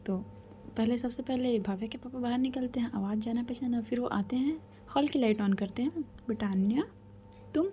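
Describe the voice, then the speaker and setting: A woman's voice: on the high side, brisk, dark tone, slight background noise. A woman storyteller narrating a love story in a chatty, casual way, often half-whispering and addressing the listener directly.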